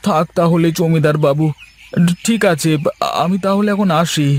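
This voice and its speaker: A man's voice: on the high side, moderate pace, slight background noise, close to an everyday voice. A man playing a worried poor village father. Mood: pleading. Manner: pleading, anxious. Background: faint music.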